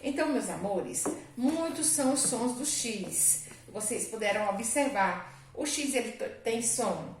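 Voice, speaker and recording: A Brazilian woman teacher giving a dictation lesson, spelling words slowly letter by letter and calling her pupils dear. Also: fairly high pitch, expressive, slight background noise. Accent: Brazilian Portuguese. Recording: echoey room, distant mic.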